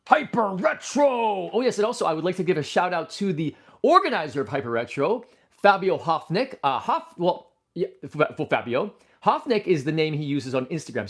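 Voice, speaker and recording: A man hosting a casual livestream, excitable and rambling, often restarting his sentences and breaking into loud exclamations. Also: a little high. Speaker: livestream host.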